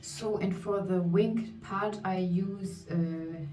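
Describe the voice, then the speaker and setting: Doing her makeup on camera, a thirtysomething beauty vlogger chats openly in a slow, mellow, mid-range voice. She speaks English as a second language and occasionally gropes for words, recorded from a distance in an echoey room with faint music behind her.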